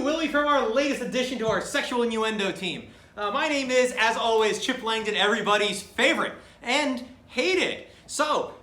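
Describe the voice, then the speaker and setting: A man playing a cocky, boisterous color commentator who trash-talks loudly in an echoey room. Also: very high-pitched, slight background noise, voice pushed up, heavily acted. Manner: loud, boisterous trash talk. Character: brash loud male sports commentator, cocky.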